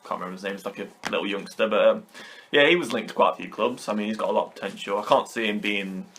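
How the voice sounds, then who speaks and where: British man, podcast co-host, lowish voice, fast but measured, faint background noise. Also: fairly bright tone. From Britain. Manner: brief agreeing interjections, measured opinions. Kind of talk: casual chat.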